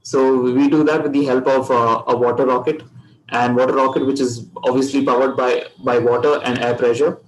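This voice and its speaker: Man, Indian accent, medium pitch, hesitant delivery, company presentation. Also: flat delivery, a little hiss or hum, poor audio. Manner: halting, searching for words. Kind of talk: slide presentation.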